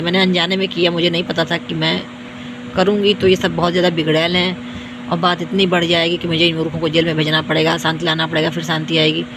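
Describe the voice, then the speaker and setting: In a self-filmed rant, a young Indian vlogger sounds hoarse and exhausted as she boasts, scolds her viewers and repeats herself. Her voice is lowish and her delivery stays flat. Traffic is plainly heard in the background.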